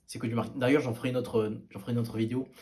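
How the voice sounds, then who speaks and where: A man's voice: mid-range voice, level tone, rapid-fire, darkish tone. A man giving casual fitness advice straight to the viewer, talking informally and bluntly with frequent hesitations and restarts. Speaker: fitness video maker.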